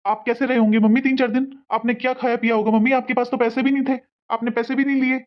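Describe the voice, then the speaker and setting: A woman's voice: on the high side, flat delivery, quick pace, lightly acted. A woman playing a grown son who scolds his wife and apologises to his mother in a family drama. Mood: remorseful. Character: grown son, angry then remorseful. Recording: dull lo-fi sound.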